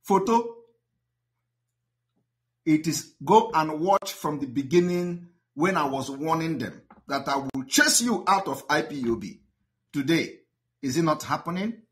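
A man's voice: fairly high pitch, lively intonation, unhurried. A Nigerian man delivering a combative, mocking monologue full of rhetorical questions to his audience. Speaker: activist broadcaster. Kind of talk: impassioned monologue.

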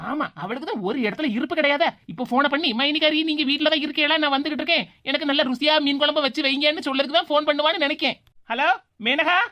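A woman with a Tirunelveli Tamil accent voicing a sharp-tongued young daughter-in-law who answers with quick, sarcastic retorts. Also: sits high, fairly even intonation. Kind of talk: cartoon voice acting.

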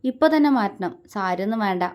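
A woman's voice: medium pitch, expressive, fast talker, a little mellow, natural voice. A woman voicing a playful young husband who teases his wife with mock sternness. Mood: teasing. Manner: teasing, mock-stern, demanding.

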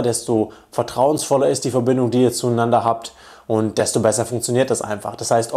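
A man coaching viewers on dating, speaking in a direct, confident manner. His voice sits in a middle pitch with a warm, dark, mellow timbre. He explains point by point like a teacher. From Germany. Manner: direct, confident advice-giving. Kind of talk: instructional video talk to camera.

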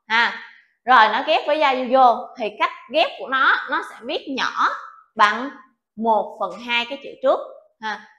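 A woman's voice: sits high, pushed and bright. A woman teaching an online Japanese alphabet lesson, patient and coaxing, often checking that her students follow. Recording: echoey room.

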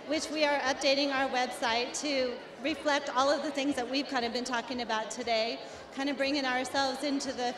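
A high-pitched, middle-aged woman representing her company earnestly explains her work in an expo interview, with plenty of restarts. She speaks into a handheld mic held by the interviewer, in front of a backdrop in an echoey indoor hall filled with crowd noise.

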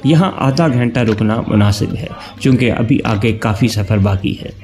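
A man from Pakistan, giving a steady, informative travel-guide voice-over that lists places one by one. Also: fairly low pitch, normal speed, loud music behind the voice. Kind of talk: scripted travel narration.

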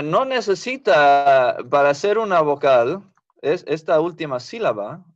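Slow, patient man teaching a grammar class. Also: fairly high pitch, no room sound, highs cut off. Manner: patient, explains slowly, asks the class for confirmation. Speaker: Biblical Hebrew teacher. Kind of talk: online class explanation.

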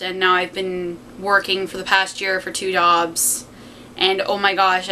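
Bright-voiced young Canadian woman, keeping quiet. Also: mid-range voice, low-quality recording. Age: 20s. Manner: keeping fairly quiet at night while someone sleeps nearby. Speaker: vlogger. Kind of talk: casual unboxing and review chat. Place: small home room, indoors. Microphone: camera mic a short distance away. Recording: home camera recording with faint background noise.

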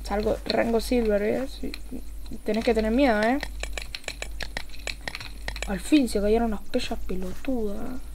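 Excitable young Argentine woman streamer. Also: a little high, a little slow, vocal fry, long pauses, background noise. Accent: Argentine Spanish. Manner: excitable, swings from mutters to yelling; swears casually. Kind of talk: live gameplay commentary.

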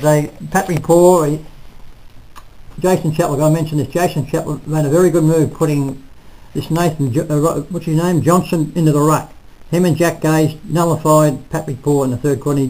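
An older man reviewing a local football match in casual, halting talk full of restarts, recorded on a close webcam in a small room. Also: on the high side, a little mellow, poor audio. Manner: rambling, halting, self-correcting. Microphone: webcam at close range.

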